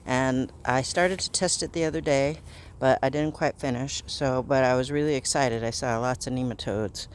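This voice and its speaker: A man narrating a casual vlog outdoors in a garden, thinking aloud in a halting way. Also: medium pitch, fairly even intonation. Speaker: gardening vlogger. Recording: outdoor ambient noise.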